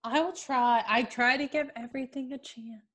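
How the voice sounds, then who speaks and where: A woman's voice: high voice, fairly even intonation, normal speed, fairly bright tone. A woman co-hosting a podcast in casual chat, with an informal, slangy way of talking. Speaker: podcast co-host.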